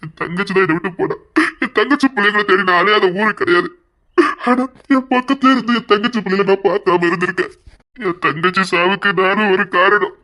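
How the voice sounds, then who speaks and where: A man with a Tirunelveli accent playing a grim, vengeful middle-aged father who speaks slowly and threateningly. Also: high voice, pushed and bright. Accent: Tirunelveli Tamil. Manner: grim, threatening, slow and heavy. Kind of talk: comedy skit drama.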